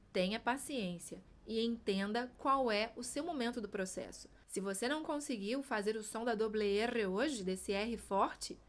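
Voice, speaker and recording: A woman teaching Spanish pronunciation. She models phrases slowly for repetition and encourages the learner. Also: on the high side. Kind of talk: pronunciation lesson.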